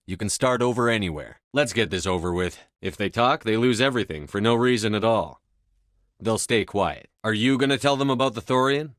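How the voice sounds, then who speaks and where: A man's voice: lowish voice, brisk, a bit bright, dry recording, clean studio sound, natural voice. A man voicing a resolute military space commander in a video game, speaking in a terse, controlled, authoritative manner. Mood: measured, firm, then stern, forceful. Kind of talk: video game dialogue acting.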